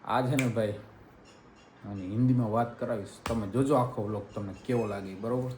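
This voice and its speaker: A man's voice: lowish voice, steady tone, a little fast, a little mellow, slight background noise. A young man with a Saurashtra Gujarati accent vlogging casually, playful and teasing. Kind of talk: casual family vlog.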